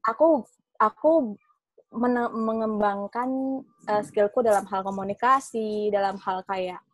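A woman's voice: medium pitch, steady tone, unhurried, dry recording, poor audio. A young woman chatting casually in a podcast, rambling with fillers and restarts, often laughing. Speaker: guest.

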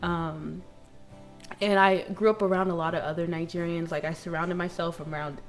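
Young American woman, playful podcast co-host, lowish voice, giggles freely. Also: steady tone, moderate pace, soft background music. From United States. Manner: laughs often, chatty and playful. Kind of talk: casual chat.

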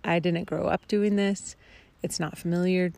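A woman's voice: on the low side, steady tone, normal speed, vocal fry, darkish tone. A woman talking casually to a vlog audience in a reflective, hesitant way. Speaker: family camping vlogger.

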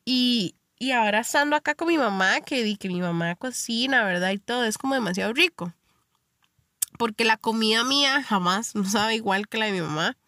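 A woman's voice: on the high side, expressive, moderate pace, pushed and bright, no echo, clean studio sound. A young woman with a Costa Rican accent, hosting a podcast and telling stories in a chatty, filler-heavy monologue. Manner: chatty storytelling with frequent fillers. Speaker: podcast host. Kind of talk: casual monologue.

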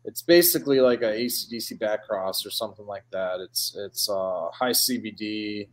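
A man's voice: on the low side, moderate pace. A man with a Midwestern American accent hosting a casual podcast chat, rambling with plenty of fillers and calling people dude and man.

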